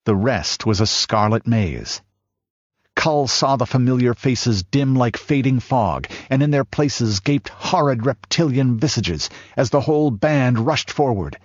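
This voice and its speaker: A man reading a dark fantasy tale as audiobook narrator, measured and dramatic, rising as the battle scenes build. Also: medium pitch, dry recording. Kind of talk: scripted narration. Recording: dull lo-fi audiobook recording.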